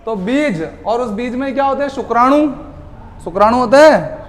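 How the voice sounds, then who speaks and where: A man teaching a class in a lively lecture style. He keeps asking the students questions and then answers them himself. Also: very high voice, normal speed. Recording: long hall reverb.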